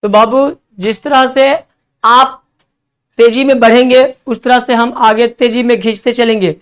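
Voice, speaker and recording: Man, classroom English-vocab teacher, clear smooth voice, spells words out, coaxing. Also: very high voice, fairly even intonation. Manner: spells words letter by letter, coaxing students to write fast.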